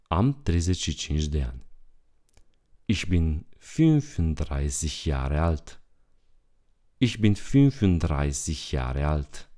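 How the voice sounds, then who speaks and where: Very deep, slow-spoken male language teacher. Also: dark tone. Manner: slow, repeats each phrase twice. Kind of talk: bilingual language lesson.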